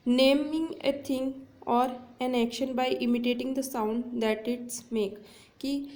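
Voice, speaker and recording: Woman teacher with a dark, even voice. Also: fairly high pitch. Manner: explains in Hindi, reads English definitions slowly; asks questions and answers them herself. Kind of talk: exam-prep grammar lesson.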